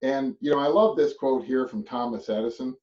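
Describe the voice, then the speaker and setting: A middle-aged man from Canada coaches real estate agents in a loose, rambling way and keeps tagging "right?" onto his points. His voice is dark and mellow. He sits back from a dull-sounding mic. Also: medium pitch, brisk. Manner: rambling, repeats "right?", chuckles often. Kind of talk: motivational presentation. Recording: distant muffled mic.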